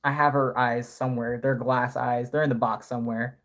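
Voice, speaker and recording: A man's voice: medium pitch, flat delivery, moderate pace, a bit bright. A man in his early twenties chatting casually on a live stream, rambling with many fillers and self-corrections. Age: early 20s. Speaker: live streamer and doll artist.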